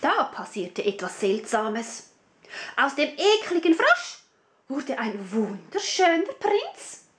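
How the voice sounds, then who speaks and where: Slow expressive woman storyteller. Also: high voice. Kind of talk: reading a fairy tale aloud for children.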